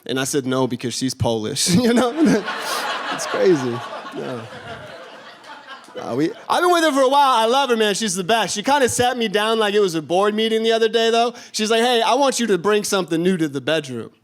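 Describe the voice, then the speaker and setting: A man's voice: high-pitched, lively intonation, normal speed, slight background noise. A young man from doing a stand-up set on a theater stage, laid-back and tagging his jokes with "you know?". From Chicago. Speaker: stand-up comedian.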